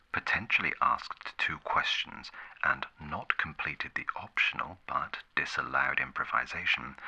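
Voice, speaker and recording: Man putting on a very deep, breathy 1950s ad announcer, whispered role-play. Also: heavily acted, low-quality recording. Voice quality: breathy, soft, gravelly low voice. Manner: deadpan, formal, measured instruction. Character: 1950s public-service film announcer, formal, condescending instructor of etiquette. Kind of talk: whispered role-play, 1950s ad and public-information narration parody.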